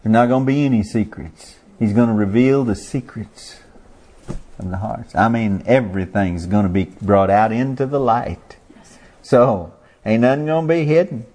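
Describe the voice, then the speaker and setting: A man's voice: on the low side, normal speed, darkish tone. A man preaching a sermon in a folksy way, asking the congregation questions and chuckling.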